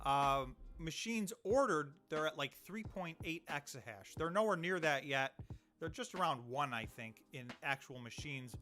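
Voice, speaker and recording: A man from upstate New York talks through share prices on a casual livestream. His voice is bright and forceful and sits a little high. He explains in a measured way, stopping to think aloud, and soft music plays in the background. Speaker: co-host. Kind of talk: casual livestream chat about stocks.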